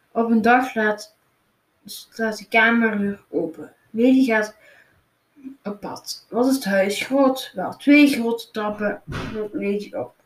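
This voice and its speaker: A woman reading a children's picture book aloud, slowly and with small slips and restarts. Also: medium pitch, echoey room. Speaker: storybook reader.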